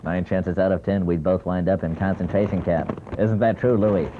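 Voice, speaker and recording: A man's voice: deep voice, fairly even intonation, normal speed, background noise. A man re-enacting a classic film farewell scene for laughs, breaking into giggles. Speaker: comedy show performer. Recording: tinny lo-fi recording.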